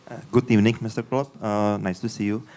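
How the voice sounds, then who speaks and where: A man's voice: fairly low pitch, little pitch movement, quick pace, darkish tone. A man, a journalist at a press conference, asking a question politely and hesitantly, with many fillers.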